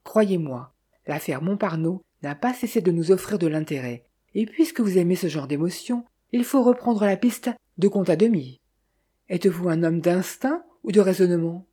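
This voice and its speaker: Brief: woman reading a sly, mocking Italian man in a period detective tale; low, husky. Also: moderate pace, dark tone. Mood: urging. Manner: teasing, probing, slightly ironic. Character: mocking sharp-eyed Italian male motorist.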